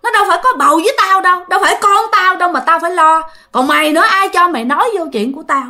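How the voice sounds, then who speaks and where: A woman voicing a menacing, possessed young husband who shouts insults. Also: high voice, animated, a little slow, exaggerated voice. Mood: furious.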